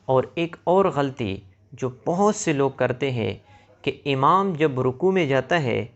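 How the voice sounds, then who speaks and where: A man teaching viewers how to pray correctly, demonstrating recited phrases slowly and carefully. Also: a little high, highs cut off. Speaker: religious teacher. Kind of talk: explaining prayer rules to viewers.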